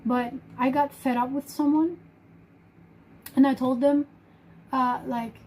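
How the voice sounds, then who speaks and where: A woman whose first language is German, speaking with a German accent, hosts a casual livestream in a voice that sits high, steady and a little mellow, talking slowly. She speaks emphatically and often restarts her phrases, and the recording is low quality.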